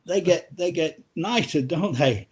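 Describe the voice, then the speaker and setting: An older man talks as a guest on a football phone-in, rambling warmly through old stories and laughing often. His voice sits a little higher than most men's. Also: takes it slowly, over a noisy crowd. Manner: chatty, anecdotal, laughs often. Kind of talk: casual phone-in chat.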